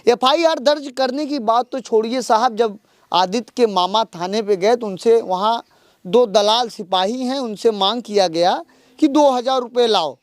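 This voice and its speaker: Casting male field reporter, high voice, dry close sound, pressing questions. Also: moderate pace, dry recording. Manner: questioning, then urgent accusatory report. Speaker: local news reporter. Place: outdoors in a village.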